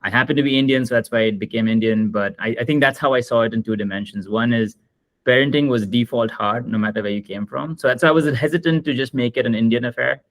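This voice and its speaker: A man's voice: mid-range voice, fast talker, no echo. A man speaking as a guest author on an online panel, reflective and repeating words as he thinks. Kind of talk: panel discussion answer.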